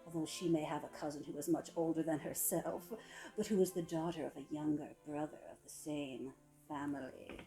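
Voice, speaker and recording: Female narrator, sultry and mellow, scripted book reading, soft phrase endings. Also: low-pitched, fairly even intonation, soft background music, low-quality recording. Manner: sultry, slow-savoring delivery with soft trailing phrase ends. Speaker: reader of a public-domain etiquette book.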